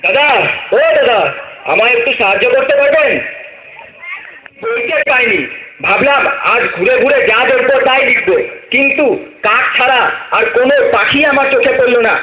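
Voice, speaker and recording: A man acts out an eager young writer in a stage play, calling out politely and pleading for help in a very high, bright voice. The sound is echoey. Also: moderate pace, pauses often. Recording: echoey room.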